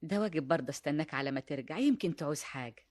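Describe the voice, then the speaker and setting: An actress with an Egyptian accent playing a meek, obliging young woman relative in a classic film drama, soft and polite. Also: deep voice, expressive, rapid-fire. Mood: gentle.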